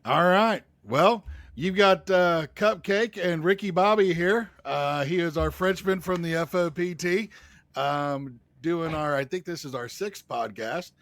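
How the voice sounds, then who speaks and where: Gravelly, higher-pitched man hosting a podcast. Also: unhurried, fairly bright tone, no room sound. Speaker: podcast host.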